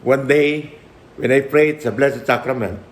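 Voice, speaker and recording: A man's voice: medium pitch, slow pace, slight background noise. A middle-aged man preaching a personal testimony, mixing Filipino and English, acting out the voices in his story. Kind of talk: testimony sermon.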